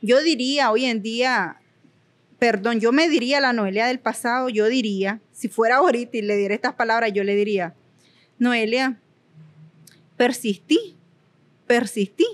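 A woman's voice: a little high, a little fast. A young woman giving earnest, emphatic personal testimony in an interview, repeating words for emphasis. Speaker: guest sharing her story.

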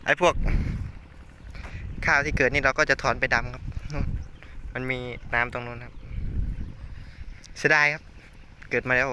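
A man's voice: medium pitch, steady tone, normal speed, pauses often, rough recording. A man, a farmer filming a casual vlog out in his rice field, plain-spoken and complaining, with polite particles at the end of almost every phrase. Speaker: farmer vlogger. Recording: loud engine noise outdoors. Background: running tractor engine.

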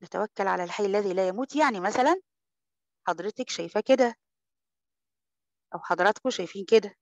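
A woman's voice: medium pitch, quick pace, no room sound. A woman with an Egyptian Arabic accent teaching an online Quran recitation class, sounding out letters and speaking affectionately to her students. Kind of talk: online tajweed class, answering questions.

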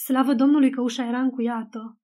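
Femeie care citește un bărbat în vârstă, aspru; voce înaltă, moale. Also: female voice, a little high, fairly even intonation, dark tone, lightly acted. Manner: gruff. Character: gruff older man, family friend.

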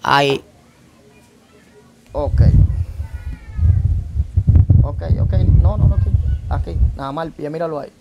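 A man's voice: on the high side, slow, pauses often, dull audio, heavy background noise. A man giving a church testimony about his past as a gang member. He tells it vividly, acting out events and breaking in with praise phrases. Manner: vivid storyteller who acts out events and keeps adding praise phrases.

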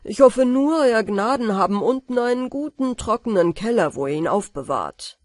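A bold, cheeky young fisherman from a storybook, voiced by a woman reading aloud. He speaks eagerly and a little loudly in a breathy voice. His pitch bounces in a lively way. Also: moderate pace, no room sound, clean studio sound.

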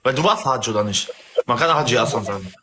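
A man in an animated livestream argument, interrupting and excitable, talking in street slang. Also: mid-range voice, fast, noisy background.

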